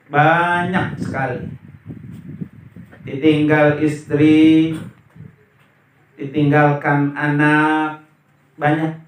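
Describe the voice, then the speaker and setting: A man preaching at a memorial gathering, slow and emphatic, asking his listeners questions. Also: fairly high pitch, slight background noise. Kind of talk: sermon. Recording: echoey room, voice from far off.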